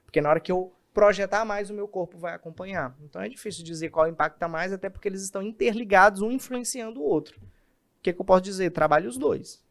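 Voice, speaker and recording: Animated man explaining. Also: high voice, quick pace, gravelly. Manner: animated, acts out examples in quoted voices. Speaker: communication specialist guest. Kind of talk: podcast interview, explaining.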